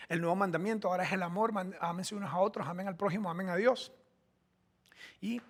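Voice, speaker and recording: A man's voice: high-pitched, a bit bright. A man preaching a sermon in a conversational, emphatic way, often restarting his phrases. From Costa Rica. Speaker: pastor.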